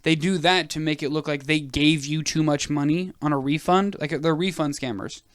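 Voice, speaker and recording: A man's voice: a little high, steady tone, normal speed, no room sound, studio quality. A young man co-hosting a casual podcast, telling long stories with lots of fillers into a podcast mic. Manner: rambling storyteller with many fillers. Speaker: podcast co-host. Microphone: podcast microphone.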